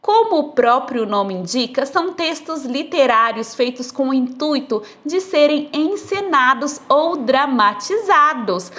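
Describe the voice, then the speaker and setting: Woman teacher, high bouncy voice, slow and patient explaining for kids. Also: expressive, fairly bright tone. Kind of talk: recorded lesson explaining textbook exercises. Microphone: phone recording.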